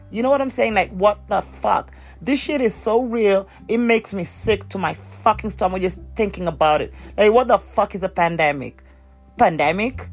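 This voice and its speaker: A woman's voice: lowish voice, vocal fry, a little mellow. A young woman hosting a solo podcast, ranting with profane, exasperated rhetorical questions. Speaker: podcast host.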